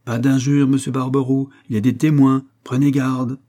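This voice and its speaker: A man's voice: mid-range voice, animated, moderate pace, dark tone, voice pushed up, natural voice. A man doing a cunning junk dealer. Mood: cool, mocking.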